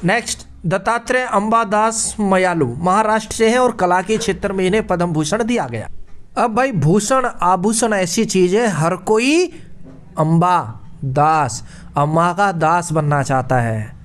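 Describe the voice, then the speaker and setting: High voiced guy doing a gk lesson, keeps punning and repeating stuff, super chatty. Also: measured pace, fairly bright tone. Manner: playful punning, chatty repetition. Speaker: quiz teacher. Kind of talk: casual exam-prep lesson.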